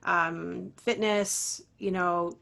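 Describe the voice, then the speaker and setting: A woman voice teacher and coach speaks as an interview guest, earnest and encouraging, with plenty of casual fillers. Her voice is on the low side and fairly bright, with vocal fry, fairly even intonation, and a very slow pace.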